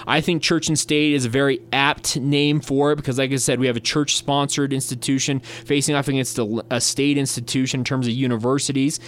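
A young man talking solo on his sports podcast at a middle pitch. He speaks in a chatty, loose way and often stumbles and restarts mid-sentence. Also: level tone, brisk, hardly any pauses.

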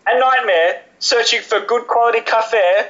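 Male podcast co-host, bright and animated, dull lo-fi audio. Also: very high voice, normal speed. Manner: animated, pompous about coffee. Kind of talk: casual banter.

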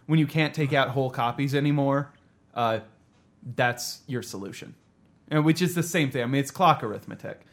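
A man's voice: mid-range voice, normal speed. A man co-hosting a casual math podcast, explaining at length, teasing the others and laughing often. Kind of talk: casual panel chat about math.

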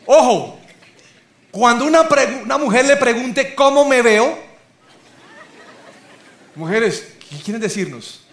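High-voiced pastor in echoey hall. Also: male voice, a little slow. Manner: humorous, animated preaching with audience questions. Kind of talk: sermon.

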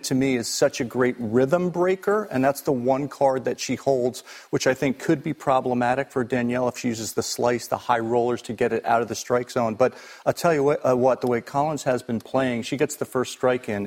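A middle-aged American man gives sports analysis in a conversational way. His voice sits at an average pitch and has a noticeable rasp. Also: steady tone, a little fast, hardly any pauses, darkish tone. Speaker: tennis analyst. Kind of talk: panel banter and match analysis.

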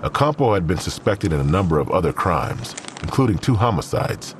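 Scripted crime narration is read briskly by a man with an extremely low voice whose pitch moves in an animated way. Faint background noise sits beneath him.

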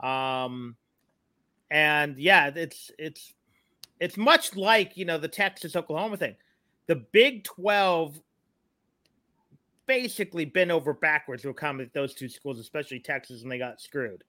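Male podcast sports analyst, punchy bright tone, dry sound, conversational and explanatory. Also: a little high, lively intonation, unhurried, no room sound.

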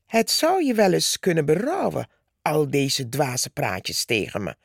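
Storybook: woman voicing a tiny defiant ant, calm and slow. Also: low-pitched, gravelly, husky, no echo, studio quality, voice pushed down, heavily acted. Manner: calm, cheeky, unimpressed. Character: tiny bold female red ant, hard-working and defiant.

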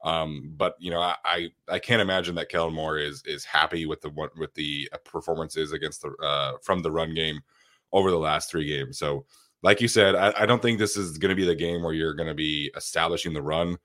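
A man's voice: rumbling low, fairly even intonation, a little fast, bright, forceful tone. A young man hosting a casual sports podcast, congested and nasal from a cold, rambling loosely with many restarts. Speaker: podcast host.

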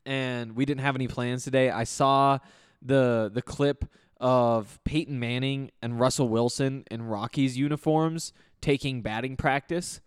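Still getting his voice back, and with his allergies flaring, this man hosts a sports podcast in a rambling, conversational way. His mid-range voice is steady, unhurried, clear, and resonant, captured in a dry, clean studio recording.

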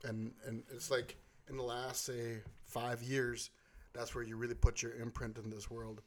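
Man, about forty, medium pitch, casual podcast chat, conversational. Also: completely flat delivery, moderate pace. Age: 40s.

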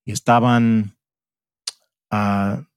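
A middle-aged man from Mississippi, USA, with an American English accent, appears as a podcast guest in a casual interview chat, reflective and searching for words in his second language. His voice is on the low side, extremely slow with little pitch movement, clear and resonant, with no room sound.

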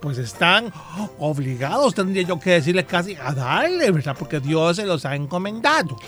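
A man's voice: fairly high pitch, very animated, moderate pace, a bit bright, faint music behind. A man co-hosting a children's program, giving earnest advice on family love and mentioning God. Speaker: co-host of children's show. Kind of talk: family advice talk on radio.

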